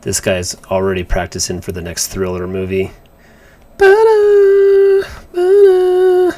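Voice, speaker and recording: A man's voice: low voice, completely flat delivery, brisk. Rambling man sketching on a live stream. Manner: rambling, repeats words and restarts often. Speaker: comic artist co-host. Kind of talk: casual chat while drawing on a livestream.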